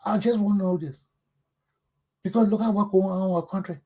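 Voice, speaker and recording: A middle-aged man with a Liberian accent, hosting a talk show, delivers an impassioned and combative political monologue. He is emphatic and preachy, hammering his phrases home through repetition, in a high-sitting, brisk voice with a dark tone.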